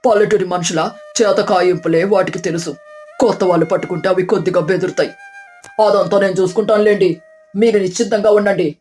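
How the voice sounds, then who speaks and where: Brief: older village father-in-law, steady and kindly, as a voice actor plays him; animated storybook, faint music behind. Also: medium pitch, brisk, lightly acted. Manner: calm, gently advising.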